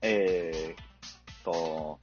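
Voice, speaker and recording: A man's voice: low voice, steady tone, very slow, a little mellow, highs cut off, soft background music. A man talking casually about a film as a podcast co-host, hesitant and full of fillers.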